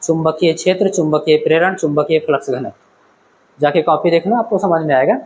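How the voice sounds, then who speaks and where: A man's voice: a little high, fairly quick, a little mellow, a little hiss or hum, low-quality recording. A man teaching a physics class in a classroom-lecture style, asking questions and checking that the students follow. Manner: questioning, checks understanding, calls students "beta".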